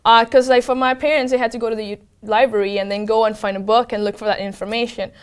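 Upbeat young woman from Venezuela, smooth voice. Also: a little high, flat delivery, fast. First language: Spanish. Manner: upbeat, lots of fillers and restarts. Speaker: program manager, guest. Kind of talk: casual interview answers.

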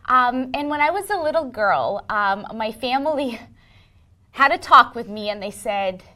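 A woman's voice: on the high side, lively intonation, a little slow, bright, forceful tone. A middle-aged woman from Ukraine in an interview, earnestly explaining her work through vivid analogies. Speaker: interviewee, software engineering manager. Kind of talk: conversational interview.

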